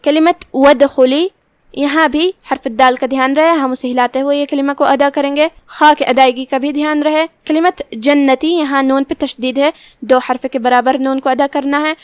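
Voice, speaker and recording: A woman teaching Quran recitation, explaining each letter methodically and reciting verses slowly. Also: sits high, steady tone, no echo. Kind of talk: tajweed lesson with slow recitation.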